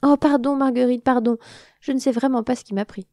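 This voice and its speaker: A woman's voice: sits high, fairly even intonation, brisk, dark tone, dry recording, studio quality, voice pushed up. A woman voicing a sly, pushy female wasp who tricks her cousin. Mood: mock sorry.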